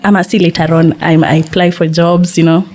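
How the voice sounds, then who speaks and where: A woman's voice: lowish voice, level tone, a little fast, a little mellow. A young woman with a Kenyan accent, a guest in a radio studio answering questions hesitantly, with many fillers. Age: young adult. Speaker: guest, content creator. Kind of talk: casual radio interview.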